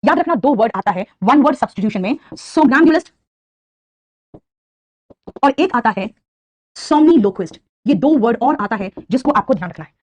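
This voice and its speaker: Indian woman, vocabulary teacher, high voice, dry close mic, online class. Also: expressive, normal speed, long pauses, darkish tone, dry recording. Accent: Indian English. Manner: addresses students as beta, quizzes and praises them. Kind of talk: online live class, Hindi mixed with English.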